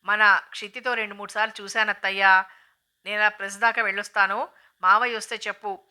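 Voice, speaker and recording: A woman's voice: medium pitch, flat delivery, brisk, sharp tone. A woman reading the lines of a polite, courteous young man.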